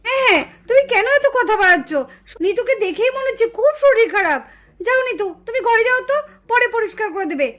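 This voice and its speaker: A woman voices a calm neighbor mother who steps into a quarrel and tries to settle it. She reasons and chides mildly, in a very high, even voice. It is a doll-show figure. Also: fast. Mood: reasoning.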